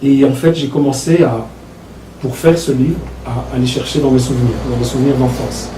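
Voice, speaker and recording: Older belgian guy, author reminiscing, slow halting restarts, echoey room, faint hum behind. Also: medium pitch, fairly even intonation, warm tone, recorded from a distance. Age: 60s. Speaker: author talking about his book. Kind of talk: personal storytelling talk.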